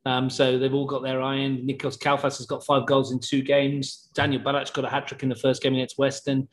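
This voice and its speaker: A man, talking through the football season as a pundit in a casual podcast chat, measured and analytical. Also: medium pitch, monotone.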